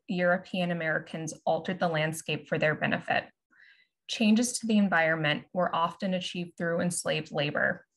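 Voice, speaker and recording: A woman moderating a virtual panel, reading a prepared introduction aloud in a measured, formal way over a video call. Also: fairly low pitch, a bit bright. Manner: measured, formal presentation of a written script. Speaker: moderator and curatorial assistant. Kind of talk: prepared talk read aloud.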